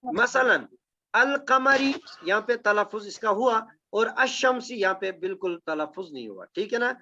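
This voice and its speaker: A man's voice: high voice, animated, bright, forceful tone, slight background noise. A man teaching a class, explaining step by step and checking in with his students over and over. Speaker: Quranic Arabic grammar teacher. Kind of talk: classroom lesson with recitation. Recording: dull lo-fi recording.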